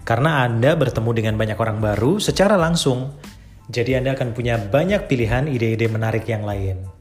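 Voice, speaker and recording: Chatty male podcast host. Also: medium pitch. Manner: chatty, upbeat, addresses listeners directly. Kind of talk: casual podcast talk.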